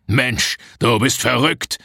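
A man's voice: medium pitch, expressive, moderate pace, sharp tone, dry recording, studio quality, voice pushed up. A man voicing a hulking, scornful giant wrestler who sneers and hisses threats in a storybook reading. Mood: snarling.

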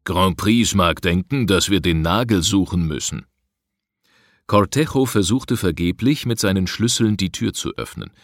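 A man with a very low, deep voice reads an adventure story at an even, measured pace. He is close to the mic, and the recording is dry with no room echo. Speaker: audiobook narrator. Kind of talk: scripted narration.

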